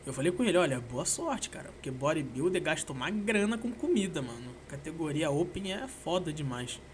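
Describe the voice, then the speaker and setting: A young man from Brazil talks alone on his podcast in a loose, rambling way, tossing in swear words and slang fillers. His voice sits high for a man. A faint hum of background noise runs under the recording. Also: sing-song, fairly quick. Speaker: podcast host. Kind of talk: casual solo podcast monologue.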